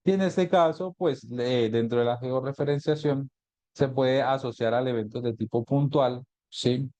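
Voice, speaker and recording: Male instructor in a live online lesson, mellow tone, patient step-by-step explaining, dry recording. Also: mid-range voice, normal speed, no room sound. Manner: explains step by step, often asks "¿cierto?". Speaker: GIS instructor. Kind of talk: live online class, screen-share tutorial.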